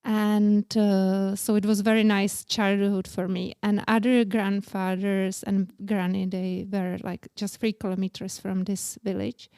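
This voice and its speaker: A woman in her forties with a Czech accent, speaking English as a second language, telling about her life as an interview guest in halting, earnest sentences. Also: medium pitch, level tone, mellow, clean tone, no echo, studio quality. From Czech Republic. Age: 40s. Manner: halting non-native English, plain and earnest. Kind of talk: casual interview.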